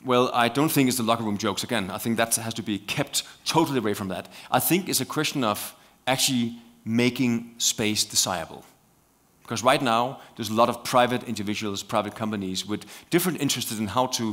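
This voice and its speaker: A man's voice: mid-range voice, fairly quick, fairly bright tone. A man with a Danish accent speaking as a guest on a conference panel, talking animatedly with many fillers and repeated words. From Denmark.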